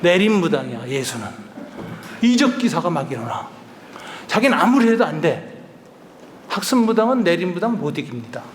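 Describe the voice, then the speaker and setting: High-voiced pastor preaching in an echoey hall. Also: male voice, moderate pace, pauses often, a little hiss or hum. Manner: lively, colloquial, acts out dialogue, chuckles often. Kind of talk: retreat sermon, storytelling with acted quotes. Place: church hall. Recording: roomy hall reverb, faint ambience.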